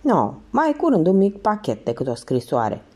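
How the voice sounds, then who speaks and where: A woman voicing a suspicious, gossipy female concierge who answers quickly and defensively. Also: on the low side, huge pitch swings, a little mellow, breathy edge, pitched above the performer's own voice, heavily acted. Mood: indignant.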